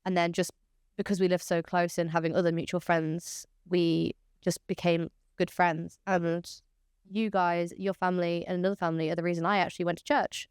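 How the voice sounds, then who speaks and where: A woman's voice: fairly low pitch, level tone, a little fast, clear, resonant tone, no room sound, studio quality. A young woman in her twenties co-hosting a podcast, chatting in a bubbly, jokey, self-deprecating way. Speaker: co-host. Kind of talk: casual podcast chat.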